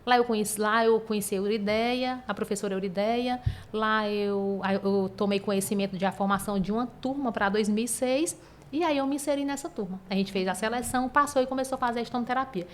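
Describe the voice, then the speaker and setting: A woman nurse, telling her career story in an interview in a calm, smooth, measured way. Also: a little high, slight background noise. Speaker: stomatherapy nurse guest.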